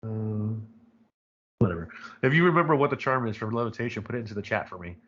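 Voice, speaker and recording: Male chemistry instructor, relaxed live-class delivery, full of "uh" and "right?", muffled mic. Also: lowish voice, quick pace. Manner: casual, rambling, many fillers and "right?" checks. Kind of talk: live online lecture.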